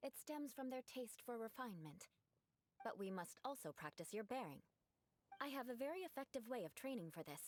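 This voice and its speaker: A woman's voice: fairly high pitch, very animated, fast talker, slight background noise. A woman voicing a proud young noblewoman knight in an anime video game, speaking formally and with composed elegance. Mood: composed, haughty. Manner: formal, poised, haughty.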